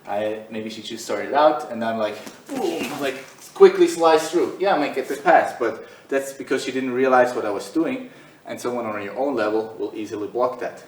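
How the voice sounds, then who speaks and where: A man's voice: mid-range voice, normal speed, distant mic, a little hiss or hum. Laid-back man coaching in an echoey gym. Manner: loose and conversational, many fillers. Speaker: jiu-jitsu instructor. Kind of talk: casual instructional demo.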